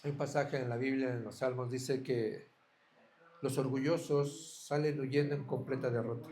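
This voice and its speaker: A man's voice: medium pitch, fairly even intonation, normal speed, a little mellow. A man preaching a sermon as a pastor, earnest, asking his listeners direct questions.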